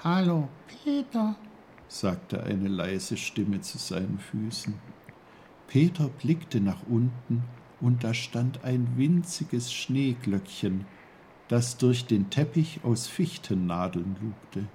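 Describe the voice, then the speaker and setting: A man reading a children's story aloud, calm, measured and expressive. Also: mid-range voice, a little hiss or hum. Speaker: narrator.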